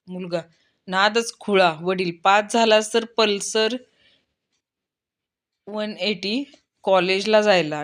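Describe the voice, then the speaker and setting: Brief: woman, middle pitch, slow unhurried joke reader, soft low drop before each speaker's name. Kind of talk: reading jokes aloud.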